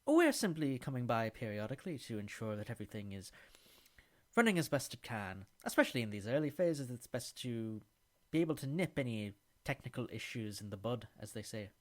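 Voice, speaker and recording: A man voicing a polite, formal company representative who talks smoothly and persuasively. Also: mid-range voice, sing-song, a little fast, natural voice.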